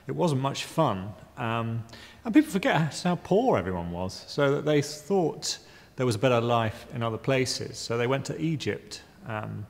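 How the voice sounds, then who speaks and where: A man's voice: mid-range voice, big pitch swings, moderate pace, creaky, few pauses. A man in his fifties from Guyana, an artist giving hesitant, wry interview answers with many ums and restarts. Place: art gallery exhibition space. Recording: reverberant room.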